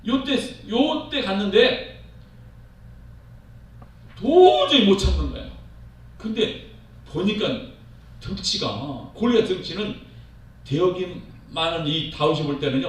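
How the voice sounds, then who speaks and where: A male pastor preaching a sermon in a church, telling the story in an animated way and acting out the quotes. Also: fairly high pitch. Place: church sanctuary. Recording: echoey hall, voice from far off, faint noise.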